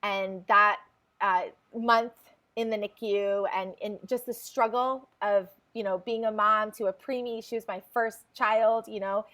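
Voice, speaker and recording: Medium-pitched, steady and unhurried yet sharp in tone, this woman's voice belongs to a podcast guest in her forties from New Jersey. Chatting casually in an interview, she relates her story, laughing often and restarting phrases.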